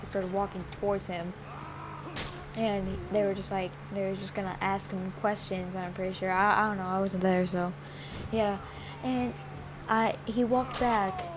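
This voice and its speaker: A child or young teen telling a story in a casual vlog, in an exasperated, sarcastic way and acting out bits of dialogue. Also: mid-range voice. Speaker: vlogger. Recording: noisy home-made recording with ambient noise.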